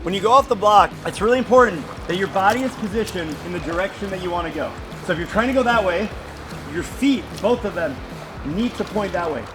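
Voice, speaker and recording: With background music playing, a high-pitched, expressive male voice talks a little fast. He is a swim coach and presenter in his thirties, projecting instructions to a group during a demonstration at an outdoor pool.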